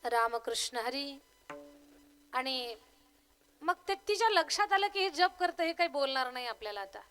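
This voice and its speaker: A young woman from Maharashtra, a kirtankar, telling a story in a lively, humorous way during a devotional sermon. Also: sits high, a little fast, faint music behind.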